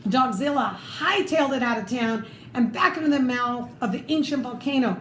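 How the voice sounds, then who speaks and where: A woman with a high voice reads a children's storybook at a moderate pace, expressive throughout and adding little asides for the listener. The recording has roomy echo and clear background noise.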